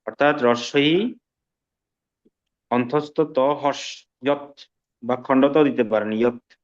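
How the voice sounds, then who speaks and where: A man teaching an online language class, explaining slowly and often checking that students follow. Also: mid-range voice, highs cut off. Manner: slow, patient explaining with frequent check-ins to students. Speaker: Sanskrit teacher.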